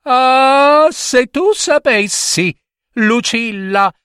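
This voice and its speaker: A man's voice: extremely high pitch, expressive, very slow, fairly bright tone, clear, resonant tone, no echo, clean studio sound, pitched above the performer's own voice, exaggerated voice. A man voicing an anxious king and father who sobs and frets. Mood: lamenting. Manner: pleading, sobbing. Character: anxious, tearful old king, a fretful father.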